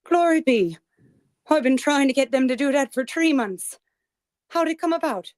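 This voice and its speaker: A woman's voice: high voice, lively intonation, normal speed, darkish tone, no echo. A woman playing a blustering, officious man running a neighborhood parade vote in a radio play. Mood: suspicious. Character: pompous Irish man, auxiliary official, Mr. Kelly. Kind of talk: amateur radio drama reading.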